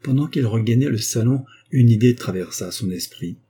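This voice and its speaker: A man narrating an audiobook novel in a calm, even storytelling manner. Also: medium pitch, moderate pace, husky. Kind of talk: scripted narration.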